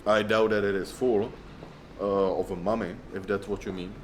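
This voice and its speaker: A man's voice: on the low side, level tone, normal speed, a little hiss or hum, natural voice. An actor playing a man who speaks English as a second language and hunts for words. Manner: groping for words.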